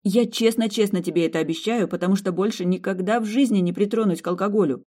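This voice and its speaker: A woman's voice: medium pitch, quick pace, a little mellow, pitched above the performer's own voice, lightly acted. A narrator voicing a young woman doctor, flustered and eager to please, pleading and apologetic in an audiobook.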